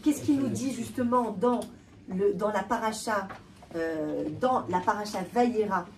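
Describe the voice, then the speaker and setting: A woman giving an animated talk to an audience, often repeating and restarting words. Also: mid-range voice, a little slow. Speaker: lecturer. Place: hall with a live audience. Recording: distant voice with faint room noise.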